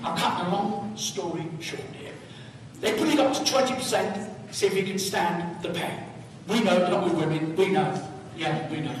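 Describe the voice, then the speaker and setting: A man's voice: sits high, normal speed, slight background noise. Englishman telling jokes in an echoey hall. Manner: chatty, laughs at his own jokes, acts out characters. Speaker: comedian. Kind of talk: stand-up joke telling. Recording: echoey hall, mic from far off.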